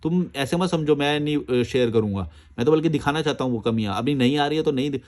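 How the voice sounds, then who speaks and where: A man's voice: fairly high pitch, fast talker, a little mellow. A man answering viewer comments in a casual chat, blunt and argumentative, recorded outdoors. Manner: blunt, argumentative, reads comments aloud then rebuts.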